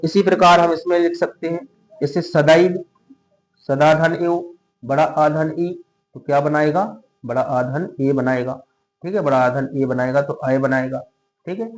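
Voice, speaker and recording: In a low-quality recording, a male tutor with a voice on the high side teaches a classroom lesson explaining grammar rules. He is patient and repetitive, often asking the students questions.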